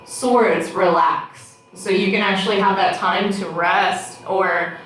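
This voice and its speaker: A woman's voice: mid-range voice, steady tone, takes it slowly, a bit bright. A woman speaking as a fortune teller, giving a casual, unscripted tarot reading straight to the listener and thinking aloud as she goes. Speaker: tarot card reader. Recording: echoey room, distant mic, background noise.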